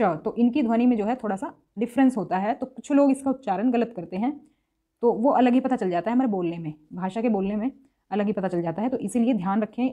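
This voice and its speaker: A woman's voice: a little high, mellow. A woman teaching a grammar lesson, patiently spelling out sounds one by one to show how to pronounce them. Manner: patient, repeats sounds slowly to show pronunciation. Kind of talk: classroom-style lesson.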